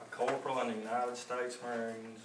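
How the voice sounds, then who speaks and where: A man acting as an easygoing grown son in a school play, with a relaxed delivery. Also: mid-range voice, a little fast, echoey room, recorded from a distance, a little hiss or hum, lightly acted, low-quality recording. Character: grown son Lyons, easygoing and smooth-talking.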